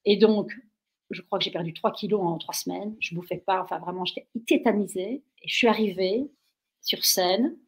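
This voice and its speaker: Energetic husky-voiced woman telling stories. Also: mid-range voice, moderate pace. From Belgium. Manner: energetic, gets carried away when talking. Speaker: guest. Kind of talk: animated storytelling.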